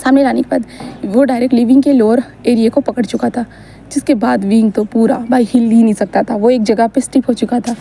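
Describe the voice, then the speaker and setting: A woman's voice: a little high, fairly even intonation, brisk, gravelly, mellow, a little hiss or hum. A woman narrating a fan story in a casual, rambling way, with many fillers and English words mixed in.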